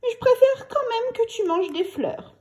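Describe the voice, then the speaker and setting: A woman voicing a small, excited young girl in a read-aloud storybook, with a high, shrill, animated voice. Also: normal speed. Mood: cheerful.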